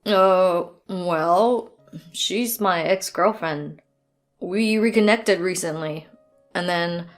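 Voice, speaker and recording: A woman's voice: on the low side, slow pace, faint music behind. A woman voicing a cornered cheating husband who stammers and begs. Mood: hesitant. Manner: stammering, begging.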